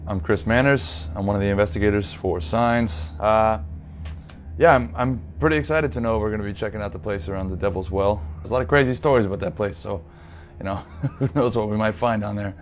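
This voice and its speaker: A man playing a casual, excited paranormal investigator in a mock documentary interview. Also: lowish voice, a little fast, natural voice. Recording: faint background noise, room ambience.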